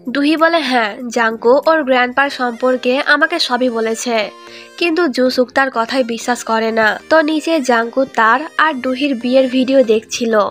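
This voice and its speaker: A woman's voice: high-pitched, moderate pace, a bit bright. A woman narrating a romance drama recap, reading every character's lines in her own voice. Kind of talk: scripted story narration. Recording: faint music behind.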